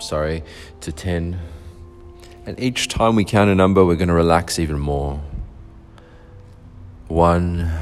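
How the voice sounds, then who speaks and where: A man with a very deep, low voice guides a relaxation meditation. He speaks slowly and calmly, leaving long pauses between soothing instructions, with soft music playing faintly behind him.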